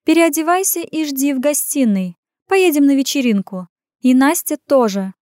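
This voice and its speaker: A woman's voice: sits high, animated, moderate pace, a little mellow, dry recording, studio quality, pitched above the performer's own voice. A woman putting on a sly purring temptress. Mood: bossy. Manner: bossy and mocking. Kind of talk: audiobook character voice.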